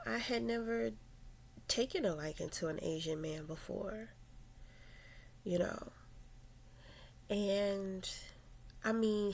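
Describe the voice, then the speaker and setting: A woman telling a personal story in a confessional vlog, reflective and halting, with many fillers, sometimes dropping to a whisper. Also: mid-range voice, vocal fry, a little hiss or hum. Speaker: vlogger.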